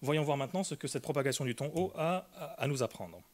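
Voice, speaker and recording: A man's voice: fairly high pitch, lively intonation, fast talker. Hesitant man giving a lecture. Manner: careful explanatory delivery with frequent hesitations. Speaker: linguistics lecturer. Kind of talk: academic conference talk.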